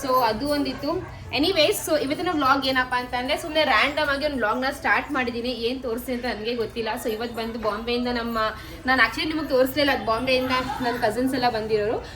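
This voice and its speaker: Young woman, high voice, casual vlog chatter, teasing and coaxing. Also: brisk, a bit bright. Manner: chatty, mixes English words in. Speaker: vlogger.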